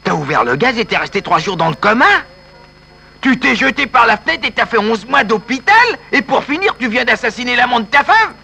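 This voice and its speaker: A man's voice: sits high, slow pace, vocal fry, sharp tone, heavily acted, rough recording. A man voicing a tactless fellow who mocks and fusses over a weeping friend in a comic sketch. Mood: incredulous. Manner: bossy, mocking, fussing.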